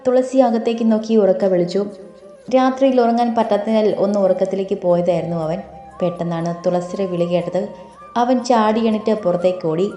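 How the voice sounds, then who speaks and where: A woman narrating an audio story in a steady storytelling manner. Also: mid-range voice, echoey room.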